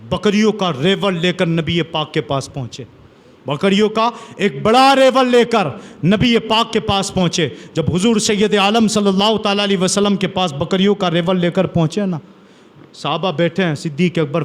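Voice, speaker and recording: A man preaching a sermon, retelling old stories with dramatic, repetitive emphasis. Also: high-pitched. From India. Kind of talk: sermon storytelling.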